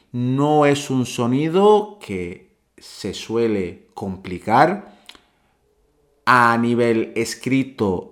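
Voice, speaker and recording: A man's voice: medium pitch, a bit bright. A man, hosting a language lesson podcast and patiently repeating sounds for learners. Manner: slow, patient, drills sounds by repeating them. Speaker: Arabic teacher, podcast host.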